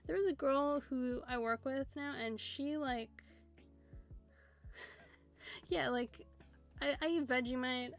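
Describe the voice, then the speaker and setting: A woman's voice: fairly high pitch, vocal fry. A woman in her twenties with an American West Coast accent, chatting casually on a stream and rambling with lots of fillers. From United States, Seattle area. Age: 20s. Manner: rambling, filler-heavy talk with many "like"s. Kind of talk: casual chat. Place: home streaming setup. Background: faint music playing.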